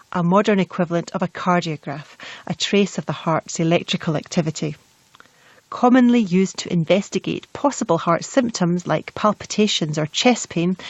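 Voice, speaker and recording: A woman's voice: on the low side, dry recording. A woman, a health commentator, reading a scripted radio essay with a wry, skeptical delivery. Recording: slightly dull, lo-fi sound.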